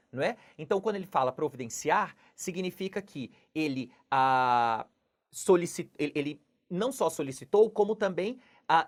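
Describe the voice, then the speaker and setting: A woman teaching Portuguese grammar, walking through exam questions and checking in with "não é?" after nearly every point. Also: lowish voice. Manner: explanatory, repeats "não é?" and "tudo bem?" often. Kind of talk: exam question walkthrough lesson.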